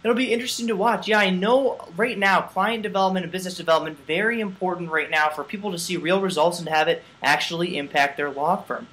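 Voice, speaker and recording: A young man in his twenties hosting a video call interview, brisk and casual with fillers. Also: high-pitched, pushed and bright, poor audio. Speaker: interview host. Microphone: webcam on video call.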